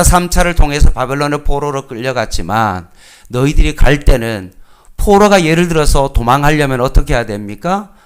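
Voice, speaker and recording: A middle-aged male pastor teaching a Bible lesson, reading scripture slowly and asking his listeners questions that he then answers himself. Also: a little high, smooth.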